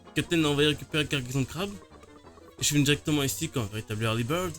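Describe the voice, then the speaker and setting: A man's voice: on the high side, expressive, very fast, a bit bright, soft background music. A man putting on a ranting English-accented sailor. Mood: irritated. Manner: exasperated, ranting. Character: grumbling male sailor, put-on English accent.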